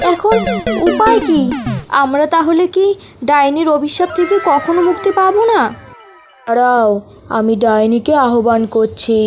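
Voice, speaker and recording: A stern male village sorcerer speaks loud and grave, voiced by a woman. He gives orders in a commanding cartoon voice, with clear music behind. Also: sits high. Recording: background music.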